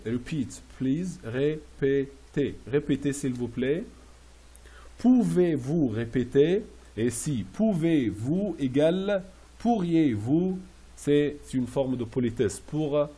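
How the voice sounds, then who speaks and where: Husky dark-voiced guy teaching french phrases, says each one over and over real slow. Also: mid-range voice. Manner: explains French phrases in English, repeating each slowly. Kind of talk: classroom phrase lesson.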